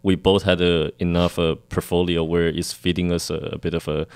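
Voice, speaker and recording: A man co-hosting a casual podcast about real estate, talking in a halting way with many fillers. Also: sits low, level tone, smooth, no room sound. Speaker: podcast co-host.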